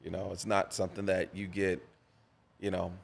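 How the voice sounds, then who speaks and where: Gravelly-voiced man telling a preacher's story. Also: low-pitched, normal speed, slight background noise. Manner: animated storyteller, preacher's cadence, repeats for emphasis. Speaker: pastor and podcast guest. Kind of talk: conversational storytelling interview.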